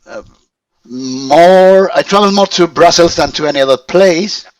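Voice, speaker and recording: A Spanish man in his fifties, a learner of English, speaking in halting phrases with many restarts as he searches for words. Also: a little high, no echo, recorded from a distance, poor audio. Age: 50s. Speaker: language student. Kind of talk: conversational English lesson.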